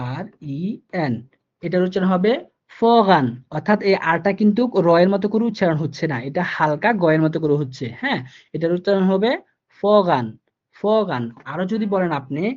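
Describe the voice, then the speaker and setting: A man with a slightly higher voice teaches an online language class. He explains each rule step by step, circling back often with fillers. The recording sounds a little dull and lo-fi. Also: darkish tone. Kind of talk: live online class lesson.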